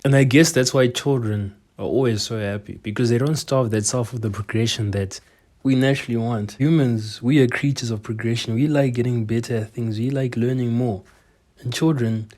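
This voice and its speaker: A young man talking earnestly in a reflective personal monologue, his voice often trailing off softer at the ends of phrases. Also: mid-range voice. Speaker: self-improvement vlogger.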